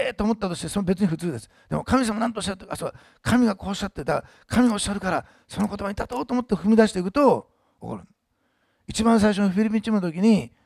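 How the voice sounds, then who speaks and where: A male pastor preaching a sermon, leading the congregation in repeat-after-me declarations and building to loud, fervent proclamations. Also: high-pitched, creaky, no echo, clean studio sound.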